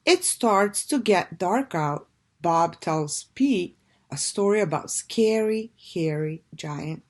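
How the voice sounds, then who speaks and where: Reading a children's storybook aloud, a woman with a somewhat low voice speaks deliberately and expressively, like a teacher addressing young listeners.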